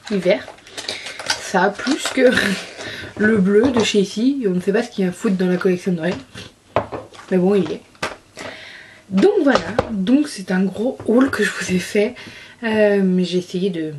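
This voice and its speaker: A woman's voice: medium pitch, background noise. A young woman in a casual beauty haul video, talking enthusiastically and often gushing over products. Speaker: beauty vlogger.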